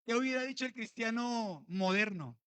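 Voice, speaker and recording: A man's voice: very high voice, lively intonation, moderate pace, bright, forceful tone, smooth, no room sound. A man preaching a sermon as a pastor, acting out pleading prayers and asking the congregation rhetorical questions.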